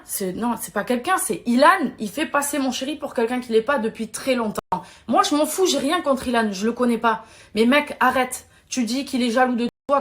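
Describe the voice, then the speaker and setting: A young woman speaks with a high, bright pitch in a heated, indignant rant aimed straight at her followers. She repeats herself as she presses each point. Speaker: social media personality.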